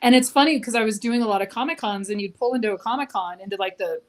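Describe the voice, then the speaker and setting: A woman's voice: a little high, fast talker. A woman artist chatting casually on a podcast, blunt and swearing for emphasis. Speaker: artist guest. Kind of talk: casual chat.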